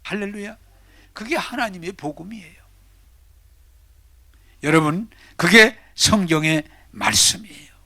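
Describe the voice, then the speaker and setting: An older man preaching a sermon as pastor, swinging dramatically between loud declarations and whispers. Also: high voice, unhurried, long pauses, dry recording.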